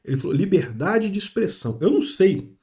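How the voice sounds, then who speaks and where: High-voiced man, opinionated commentary. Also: big pitch swings, a little fast, dark tone. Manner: opinionated, many fillers and restarts. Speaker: political commentator. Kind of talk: casual commentary monologue.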